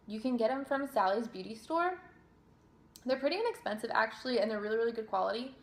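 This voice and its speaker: Talking fast with lively intonation in a fairly high voice, a young New Jersey woman who sings and vlogs chats through viewer questions, full of fillers and restarts. A roomy echo surrounds the recording.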